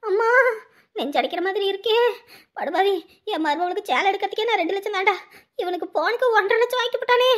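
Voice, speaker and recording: A woman playing a loud, thrifty middle-aged village mother who scolds and wails in a comedy sketch. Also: quick pace. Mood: wailing. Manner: shrill, scolding, wailing.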